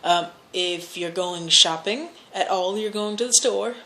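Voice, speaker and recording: A woman's voice: mid-range voice, measured pace, bright, forceful tone. An American woman chatting casually and answering questions, rambling and hesitant as she corrects herself. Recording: noticeable background noise.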